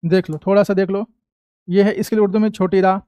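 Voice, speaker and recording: A man with an Indian Hindi accent teaching an Urdu class, patiently asking questions and answering them himself, saying each sound slowly. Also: high-pitched, steady tone, mellow, smooth, dry recording, lo-fi sound. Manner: patient, asks and answers his own questions. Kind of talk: classroom lesson.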